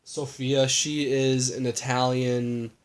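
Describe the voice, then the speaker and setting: A man's voice: medium pitch, flat delivery, takes it slowly, crowd noise. A man co-hosting a casual movie recap chat, rambling with lots of fillers and crude jokes.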